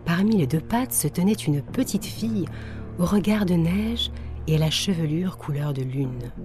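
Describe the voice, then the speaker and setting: A woman reading a children's tale aloud, gentle and soft-spoken, at times dropping to a whisper. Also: lowish voice, expressive, moderate pace. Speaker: storyteller. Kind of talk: storybook reading. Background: faint music.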